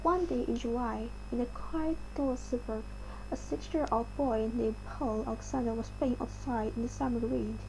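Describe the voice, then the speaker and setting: Female reader, Indonesian accent, high mellow voice, careful narrative article reading with occasional stumbles, light hum behind. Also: steady tone, moderate pace, gravelly, low-quality recording. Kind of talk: article read aloud.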